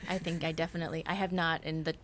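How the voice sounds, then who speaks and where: Low-voiced woman, laughs easily. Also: little pitch movement, rapid-fire, a little hiss or hum. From Michigan. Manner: warm, laughs often, fillers. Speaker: nonprofit executive director. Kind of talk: casual radio interview.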